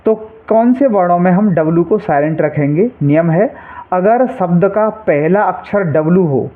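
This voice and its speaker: Patient teacher on a tinny line. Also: male voice, high voice, lively intonation, normal speed. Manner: patient, repeats each rule and asks quiz-style questions. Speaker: English teacher. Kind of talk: classroom-style explanation. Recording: tinny phone-like sound.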